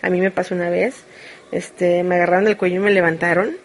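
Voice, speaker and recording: A woman's voice: fairly low pitch, little pitch movement, quick pace, slight background noise. A woman with a Mexican accent chatting casually and frankly to live viewers, joking as she rambles through her confessions. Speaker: streamer.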